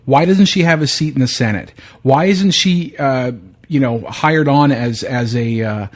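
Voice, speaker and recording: A podcast host with a medium-pitched voice speaks a little slowly in a casual chat. He's blunt and opinionated, swears freely, and often restarts his sentences.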